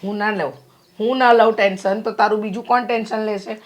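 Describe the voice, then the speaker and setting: A woman's voice: medium pitch, steady tone, fairly quick, natural voice. A woman playing a fretful, nagging mother. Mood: pleading. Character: worried, scolding middle-aged mother. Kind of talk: Gujarati short film drama.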